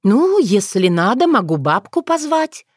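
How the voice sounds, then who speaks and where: A woman's voice: medium pitch, slow pace, dry recording, studio quality, pitched above the performer's own voice. Woman voicing a wry young witch. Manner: calm, mildly mocking.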